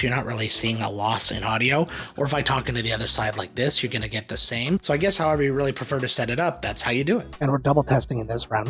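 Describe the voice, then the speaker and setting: A man's voice: mid-range voice, a bit bright. An upbeat man talks through a casual gear unboxing with plenty of jokes. His voice sits in a middle register. He sounds friendly and conversational throughout. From Canada. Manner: upbeat, chatty, joking. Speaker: tech reviewer and YouTuber.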